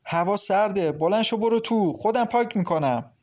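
A man's voice: on the high side, steady tone, darkish tone, close to an everyday voice. A man voicing a stern, irritable middle-aged mother-in-law who speaks curtly in an audiobook.

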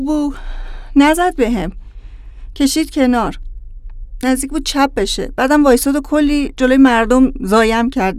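A woman's voice: high voice, darkish tone, no room sound, clean studio sound, natural voice. An actress playing a frightened, desperate young pregnant woman in an audiobook drama, speaking in a pleading, emotional way.

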